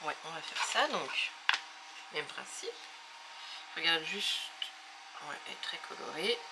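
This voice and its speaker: Low-voiced woman, noisy room. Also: expressive, unhurried, gravelly. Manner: hesitant, many fillers, thinking aloud while working. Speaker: crafting tutorial host. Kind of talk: casual craft tutorial.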